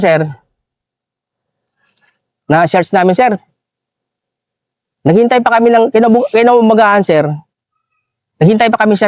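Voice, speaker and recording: A man telling a war story in an interview, deferential, adding sir to almost every phrase, halting with fillers. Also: high voice, no echo, clean studio sound. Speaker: retired soldier interviewee.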